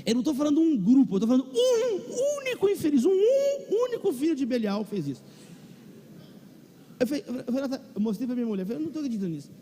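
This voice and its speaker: A man's voice: extremely high pitch, big pitch swings, quick pace, dark tone, husky. A male pastor with a Brazilian Portuguese accent, preaching a sermon and telling a comic personal story to his congregation. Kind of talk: sermon with humorous personal anecdote. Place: large church or auditorium. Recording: long reverb of a large hall.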